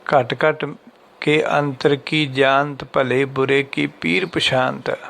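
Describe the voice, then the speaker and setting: A man teaching how to read and understand scripture, patiently repeating lines and chanting them slowly to show the pauses. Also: medium pitch, flat delivery, vocal fry, a bit bright. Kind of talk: explanatory religious lesson.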